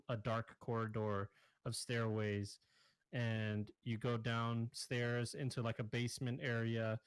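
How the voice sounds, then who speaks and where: A man's voice: medium pitch, clean tone, dry recording. Man running a tabletop game, dry sound. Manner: loose, conversational, many restarts. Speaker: game master.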